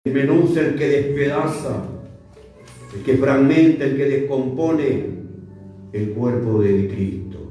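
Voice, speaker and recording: A man's voice: mid-range voice, takes it slowly, dark tone. A man preaching a sermon as pastor, emphatic and repeating words for stress. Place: church. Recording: echoey church hall, mic far off, faint music.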